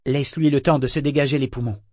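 A man voicing a gentle, caring woman in a story. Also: medium pitch, steady tone, quick pace, no echo, studio quality, pitched above the performer's own voice, natural voice.

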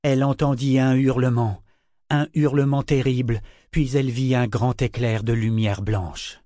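A man narrating a fantasy novel aloud in an even, measured reading. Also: mid-range voice, dry recording, studio quality. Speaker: audiobook narrator.

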